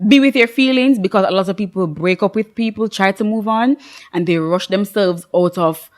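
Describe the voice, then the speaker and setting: A woman's voice: mid-range voice, moderate pace. Young woman, podcast co-host; earnest, holds her point. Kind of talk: casual chat.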